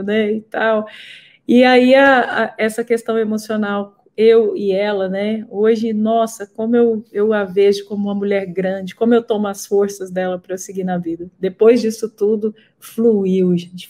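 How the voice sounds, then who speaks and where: A woman giving a personal testimony in a talk, an animated storyteller who repeats words for emphasis. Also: mid-range voice. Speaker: therapy co-creator and instructor.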